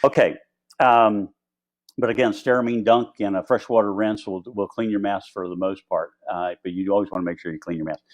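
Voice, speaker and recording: A man's voice: lowish voice, steady tone, a little fast. A man giving an informal, rambling tutorial as an instructor presenting equipment on live video in a conversational way. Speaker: instructor presenting diving gear.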